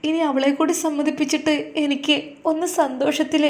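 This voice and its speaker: A woman's voice: high voice, little pitch movement, fairly quick, voice pushed up, natural voice. Woman voicing a tearful devoted wife. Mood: resolved, tearful. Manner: soft, earnest and pleading.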